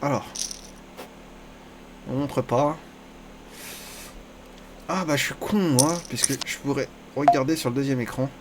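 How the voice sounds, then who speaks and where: A man commentates live on his own online poker game, talking to himself and the other players in crude, casual slang. He's unhurried and pauses often, frequently breaking into high-pitched squeals, with a noisy background behind him.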